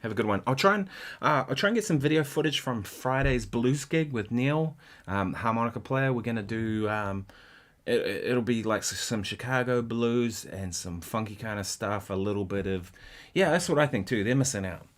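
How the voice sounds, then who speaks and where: A man hosting a casual guitar livestream, rambling in a halting way with many restarts and sometimes counting rhythms aloud. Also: mid-range voice, lively intonation.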